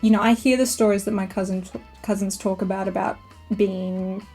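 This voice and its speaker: A woman's voice: medium pitch, steady tone, a little fast, a little mellow, faint music behind. A woman, a podcast guest who tells her story in a reflective way. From Australia. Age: 30s. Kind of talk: podcast interview.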